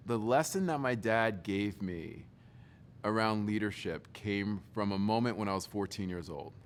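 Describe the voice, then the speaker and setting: A man giving a motivational talk to young leaders, telling a story in an animated, joking way. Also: lowish voice, a little hiss or hum. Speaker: speaker.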